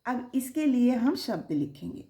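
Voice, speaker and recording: Woman teacher for a children's lesson: slow and drawn-out, lively sing-song pitch, sounding out syllables. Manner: sing-song, rising on the example words.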